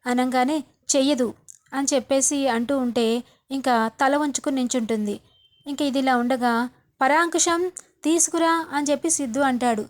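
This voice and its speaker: A woman's voice: high-pitched, steady tone, normal speed. A woman retelling a TV serial episode, reading each line of dialogue aloud and tagging who said it. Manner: reads dialogue aloud with "she said" tags. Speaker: TV serial reviewer.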